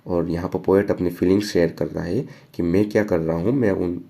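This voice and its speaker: A man, explaining a poem line by line as a teacher, reading each verse slowly and then talking it through casually. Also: low-pitched, steady tone, vocal fry, warm tone. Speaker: English teacher.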